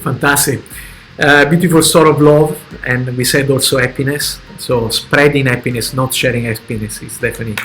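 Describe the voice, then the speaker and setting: A man hosting a podcast interview, asking long questions with many pauses and fillers that trail off quietly. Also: medium pitch, fairly even intonation, faint music behind, poor audio. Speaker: podcast host.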